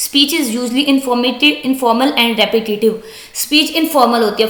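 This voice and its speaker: A high-pitched woman teaches an online class. She reads each English point slowly and then explains it patiently, often repeating herself. Her voice rings in an echoey room. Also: a bit bright. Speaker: lecturer. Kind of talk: recorded online lecture.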